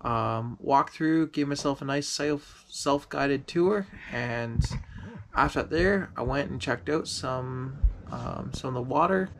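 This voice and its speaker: A man tells the story of his road trip in voice-over, easygoing and unhurried. His voice is gravelly, with a mid pitch. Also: slight background noise.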